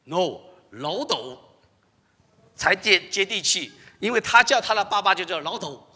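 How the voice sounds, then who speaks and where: A man leads an interactive sermon and keeps turning questions to the congregation. His voice is bright and fairly high, and it swings widely in pitch. A long hall reverb trails his words. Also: normal speed, husky. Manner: animated, laughs often, asks the audience questions. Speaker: pastor.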